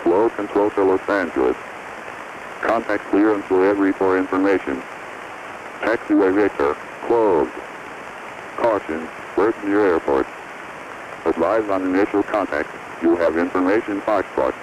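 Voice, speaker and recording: A man reading an airport weather broadcast over the radio, in a steady, clipped delivery of weather figures. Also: low-pitched, unhurried. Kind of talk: recorded information broadcast. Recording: muffled hissy radio receiver.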